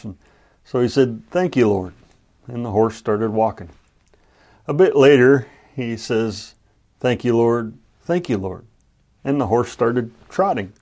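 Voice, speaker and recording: A male pastor preaching a radio Bible sermon, telling a story and acting out its exclamations. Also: medium pitch. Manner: storytelling with lively acted-out exclamations.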